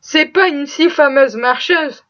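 A woman voicing a sly, boastful male stable hand who exclaims loudly and plays innocent, in a storybook reading. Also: high voice, slow pace. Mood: pleading. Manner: exclaiming, mock-innocent, excitable. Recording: dull lo-fi recording.

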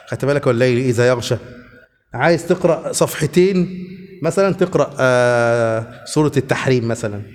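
A man's voice: mid-range voice, in a large hall. A man with an Egyptian accent teaching a religious lesson as a sheikh, often asking his students questions. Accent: Egyptian Arabic.

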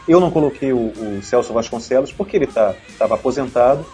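A man, a voice actor and dubbing director, chatting casually on a podcast with an animated storytelling manner. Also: medium pitch, fast talker, faint music behind. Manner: animated storyteller, acts out voices and laughs often.

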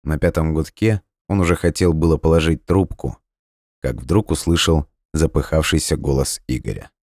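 Male narrator, very low voice, dry close sound, steady audiobook reading. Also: no room sound. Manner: measured, even storytelling.

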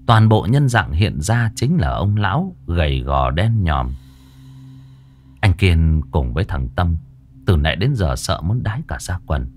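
A man tells a ghost story in a dramatic, expressive style. His voice sits very low yet rises and falls with lively swings. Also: unhurried, a little hiss or hum.

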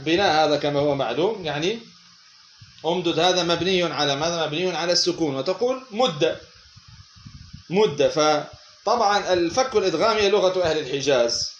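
A man giving a lesson on a grammar text, asking questions and then answering them himself, repeating words slowly. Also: fairly high pitch, roomy sound, muffled recording, a little hiss or hum. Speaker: teacher of Arabic morphology.

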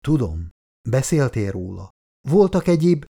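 A worried husband read by a man who asks his wife gentle, quiet questions. The voice is dark and gravelly. It is an understated audiobook character. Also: mid-range voice, very animated, full character voice. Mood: pleading.

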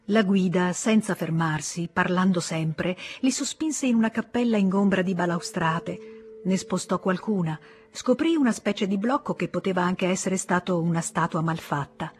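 A woman reading a classic novel aloud in a measured, expressive audiobook narration. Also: on the low side, slightly rough. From Italy. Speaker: audiobook reader. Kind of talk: literary narration.

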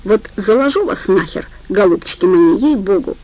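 A woman's voice: medium pitch, expressive, moderate pace, a little mellow, close to an everyday voice, poor audio. A woman reading an audiobook, voicing a foul-mouthed, spiteful young woman who swears and mocks, tired and scornful. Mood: rude, mocking. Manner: coarse, swearing, mocking.

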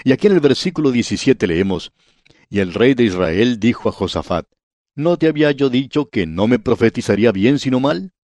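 A man's voice: medium pitch, animated, fairly quick, darkish tone, no echo. A man teaching a Bible study, reading verses aloud and explaining them directly to the listener. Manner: addresses the listener directly, reads scripture then explains.

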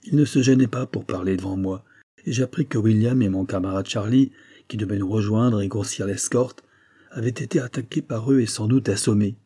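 A man's voice: fairly low pitch, a little fast, warm tone, husky. A man reading a servant giving a plain account. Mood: grave. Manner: plain, detailed report. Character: male servant recounting events.

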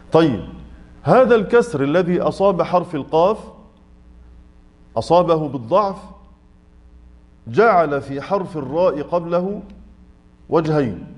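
A man with an Egyptian accent teaching the rules of Quran recitation, mixing classical and colloquial speech, asking his class short check questions and slowly drawing out example words. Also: on the high side, darkish tone. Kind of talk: tajweed lesson explaining a poem. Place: mosque study circle.

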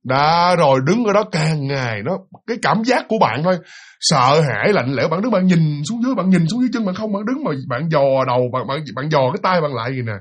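A man casually retelling a ghost story, animated and full of fillers and repeats, acting out the voices he quotes. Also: on the high side, quick pace, husky.

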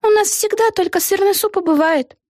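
A timid young girl played by a woman narrating an audiobook who pleads and protests. Her voice sits very high and clearly childlike, with an earnest, plaintive tone. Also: brisk, a little mellow, dry recording, studio quality. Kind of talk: audiobook voice acting.

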